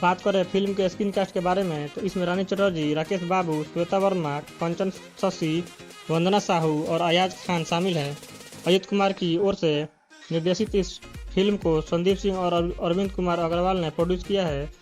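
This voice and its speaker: A man with a high, light speaking voice delivers a scripted entertainment news voice-over. He reads steadily and evenly from a prepared text, and faint music plays softly underneath. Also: fairly even intonation, moderate pace. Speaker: narrator.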